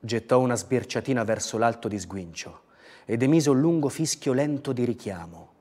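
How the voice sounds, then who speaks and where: Guy reading fiction aloud, slow and expressive, mid pitch. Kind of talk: dramatic reading of a novel.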